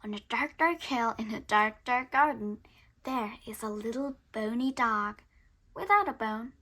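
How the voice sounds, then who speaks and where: A woman with a high, bright voice reads a children's picture book in an unhurried, lively way, performing each phrase dramatically. She lingers over the lines, sinking into hushed whispers and then rising into emphatic bursts.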